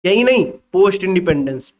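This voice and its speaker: Emphatic high-voiced male exam coach. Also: expressive, normal speed, darkish tone. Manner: emphatic, lecturing, rhetorical questions to students. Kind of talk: motivational exam-prep lecture.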